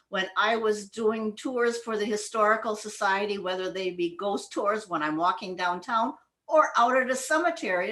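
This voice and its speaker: A woman presenting a public-speaking lesson at a speaking club, talking deliberately and demonstrating emphasis and pauses. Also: mid-range voice. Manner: deliberate and demonstrative, varies loudness and pauses for effect. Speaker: Toastmasters education presenter. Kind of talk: instructional talk on public speaking.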